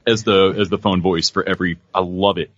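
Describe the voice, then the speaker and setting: A man's voice: low voice, fairly even intonation, fairly quick, fairly bright tone, dry recording. A man co-hosting a casual podcast, chatty and repeating words as he thinks. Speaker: podcast co-host. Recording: dull, dry mic.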